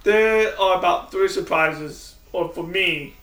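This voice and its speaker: A man's voice: high voice, slow pace, a bit bright. A man giving a casual, rambling vlog book review, often restarting his sentences. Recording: echoey room, mic at a distance.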